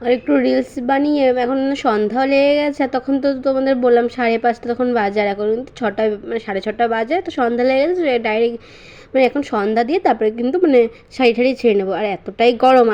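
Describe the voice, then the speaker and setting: A woman's voice: a little high, darkish tone, highs cut off. A young woman, a mother chatting casually to her vlog viewers at home with lots of fillers. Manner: chatty, many fillers, baby talk to her child.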